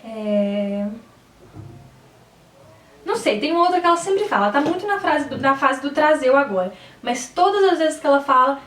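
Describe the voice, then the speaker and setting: A woman's voice: sits high, very animated, normal speed, pauses often, a bit bright, reverberant, distant mic. A woman in her twenties with a Brazilian Portuguese accent, a mother giving chatty advice in a casual vlog and often checking in with the listener. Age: 20s. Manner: chatty, keeps checking in with "sabe?". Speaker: mother giving parenting tips.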